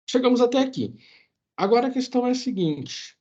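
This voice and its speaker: A man's voice: very high voice, lively intonation, a little fast, darkish tone. A man teaching an online lecture, walking through code in a casual way, often checking in with the class and correcting himself. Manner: casual, many filler checks, self-correcting. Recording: dull lo-fi audio.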